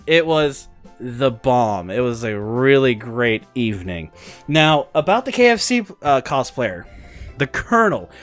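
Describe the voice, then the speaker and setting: Excitable young man telling a story. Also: mid-range voice. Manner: excitable, rambling, many fillers. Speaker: vlogger. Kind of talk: casual storytelling.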